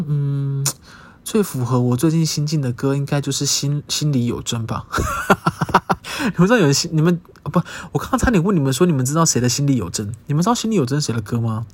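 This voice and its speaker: A man with a Taiwanese Mandarin accent telling a story in a casual podcast monologue, chatty and self-mocking, breaking into bits of song. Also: medium pitch. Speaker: podcast host.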